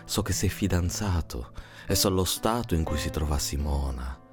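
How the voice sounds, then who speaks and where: A man reading aloud the lines of a young village woman who pleads with her lover in tears, softly and half-whispered. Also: extremely low pitch, expressive, moderate pace, music in the background. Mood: pleading.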